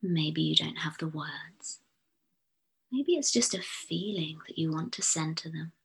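Woman, whispered guided visualisation, low voice, gravelly fry, slow and soothing. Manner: slow, soothing, hushed delivery. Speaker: fertility therapist.

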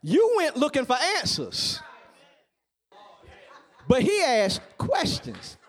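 A man preaching a sermon with repeated phrases and rhetorical questions, his delivery swinging between hushed and loud. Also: very high voice, wildly swooping pitch, takes it slowly.

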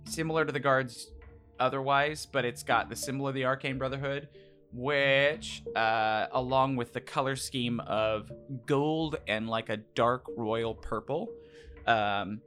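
Bright-voiced man as game master. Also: medium pitch. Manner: halting, informal descriptions. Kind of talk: improvised narration of a tabletop game. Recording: music playing behind the voice. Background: background music.

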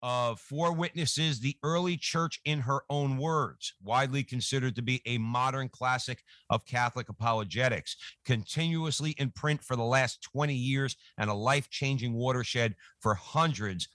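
A man speaks as a co-host in an introducing style. His pitch is average for a man. The sound is dry, with little room around it. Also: normal speed, few pauses, a bit bright, no echo.

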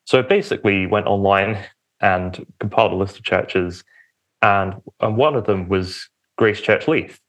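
A man's voice: low-pitched, moderate pace. A young man, a church minister, telling his personal story conversationally as a podcast guest, hesitant and often correcting himself. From England, Romford in Essex on the edge of London. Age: young adult.

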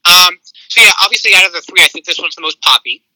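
A man's voice: sits high, quick pace, pushed and bright, no echo, poor audio. A man heard over a phone speaker, giving his take on a song as a guest on a call. He talks casually and hesitantly, with many fillers and repeats. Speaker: guest music reviewer on a call. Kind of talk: casual chat.

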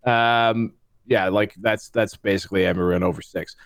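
A man co-hosting a casual tabletop wargaming podcast, talking in an animated, rambling way and often breaking off his own sentences. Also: fairly low pitch, moderate pace, no echo, studio quality. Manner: animated, rambling, self-interrupting. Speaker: co-host.

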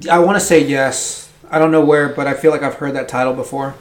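A man's voice: mid-range voice, steady tone, fairly quick. A young man co-hosting a podcast in casual chat, easygoing and agreeable with short replies. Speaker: podcast co-host. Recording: echoey room.

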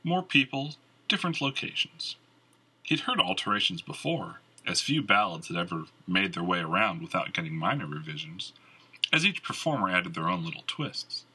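Male audiobook narrator, expressive, bright husky tone. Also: low-pitched, normal speed, rough recording. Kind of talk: scripted fantasy narration.

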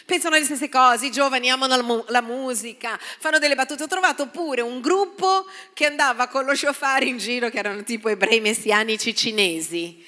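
A woman pastor delivering a sermon, calling "Amen?" to the congregation and moving from soft asides to loud, emphatic lines. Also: fairly high pitch, fairly quick, few pauses. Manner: preaching with call-and-response "Amen?" to the congregation. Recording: long reverb of a large hall.

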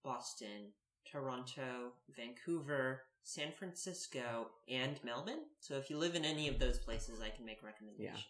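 A podcast co-host speaking in casual chat, measured, with pauses between phrases. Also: mid-range voice, fairly bright tone, roomy sound.

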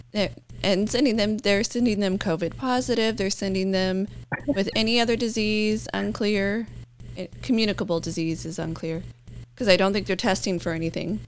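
A woman's voice: medium pitch, slight background noise. Sarcastic woman co-host in a political chat. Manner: sarcastic, animated.

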